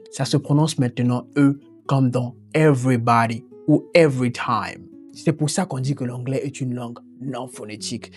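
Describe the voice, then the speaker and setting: Brief: male language-channel host, informal and explanatory, pitched a little high. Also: darkish tone. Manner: explanatory, informal, speaks to the viewer as "tu". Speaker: English teacher and channel host. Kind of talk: educational video narration.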